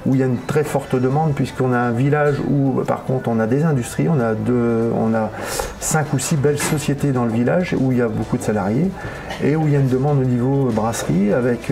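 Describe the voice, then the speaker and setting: A man in his fifties who owns a hotel and bar speaks casually in an interview, often hesitating and searching for words. His mid-range voice has some vocal fry, and music plays in the background.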